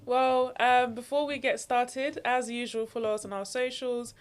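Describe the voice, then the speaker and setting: A woman's voice: on the high side, steady tone, normal speed, clear, resonant tone. A woman co-hosting a podcast in casual chat. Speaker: podcast co-host.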